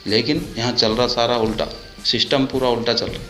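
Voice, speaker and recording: Angry male soldier, mid-pitched, ranting with rhetorical questions, echoey room and faint music behind. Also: steady tone, a little fast, fairly bright tone. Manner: indignant, hammering rhetorical questions. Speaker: soldier speaking out. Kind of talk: impassioned protest monologue.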